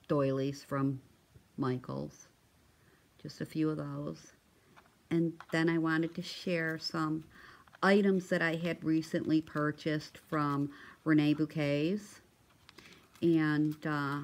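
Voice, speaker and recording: A woman showing off craft supplies in a casual vlog, chatty and gushing, with many ums and restarts. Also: low voice. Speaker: crafting vlogger. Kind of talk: casual show-and-tell vlog.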